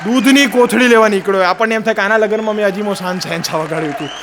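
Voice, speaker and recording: Fast-talking high-voiced Gujarati comedian. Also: male voice, big-room sound, a crowd in the background, background noise. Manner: animated, acts out voices of people in his jokes. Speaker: stand-up comedian. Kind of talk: Gujarati stand-up storytelling.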